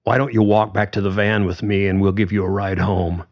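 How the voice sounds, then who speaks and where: An easygoing young man who plays in a band, speaking calmly and trying to settle things down , as a man puts him on. The voice sits a bit above the narrator's low tone, and the audio is slightly dull. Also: fairly quick. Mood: placating. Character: easygoing young male band musician, calm.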